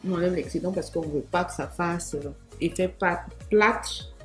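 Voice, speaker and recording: A woman's voice: on the low side, moderate pace, soft background music. Playful chatty woman doing makeup. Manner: playful, self-mocking, chatty asides to viewers. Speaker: makeup vlogger. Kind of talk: casual makeup tutorial.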